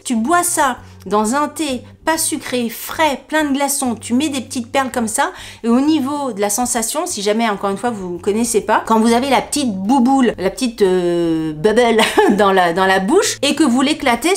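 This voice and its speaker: A middle-aged woman vlogger chatting casually to her viewers, enthusiastic and talkative, with many fillers and little laughs. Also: a little high. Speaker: beauty and lifestyle vlogger. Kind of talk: casual chat to camera.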